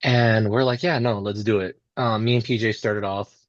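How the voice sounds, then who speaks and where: A man's voice: lowish voice, steady tone, moderate pace, no room sound, lo-fi sound. A man chatting casually and enthusiastically in an interview, telling rambling stories and acting out little imagined quotes as he goes. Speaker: independent pro wrestler being interviewed.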